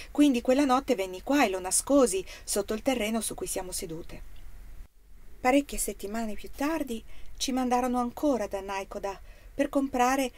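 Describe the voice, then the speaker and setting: Woman narrating a story expressively. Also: mid-range voice. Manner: expressive, emotional reading. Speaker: audiobook reader. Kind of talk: first-person story narration.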